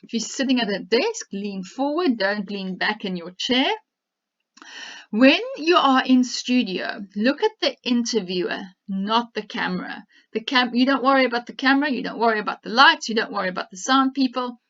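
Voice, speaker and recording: A South African woman gives a training presentation in a fairly high voice, speaking plainly and directly. Her tips come out practical and instructive, with the odd "um" between them. The recording sounds dull and lo-fi. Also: lively intonation, normal speed, fairly bright tone. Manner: direct, instructive, with fillers and laughs. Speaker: media trainer. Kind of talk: presentation talk.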